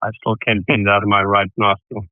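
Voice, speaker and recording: Brisk and lowish, with little pitch movement, a South African man talks as a tennis coach guest on a podcast. His casual interview answers turn into long stories about his start in the sport, full of restarts and asides. The recording is dry and tinny, like a phone line.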